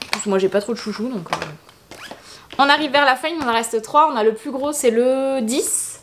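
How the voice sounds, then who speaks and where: A young French woman, a beauty vlogger, unboxes beauty products while chatting casually and enthusiastically, full of fillers and little exclamations. Her voice is high-pitched and fairly bright, at a moderate pace, with slight background noise.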